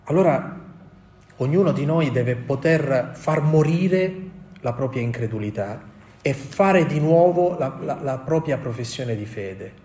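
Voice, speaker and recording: A man's voice: medium pitch, animated, unhurried, darkish tone. Impassioned male preacher in an echoey church. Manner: impassioned, rising to emphatic peaks, quoting voices. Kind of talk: sermon. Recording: echoey room.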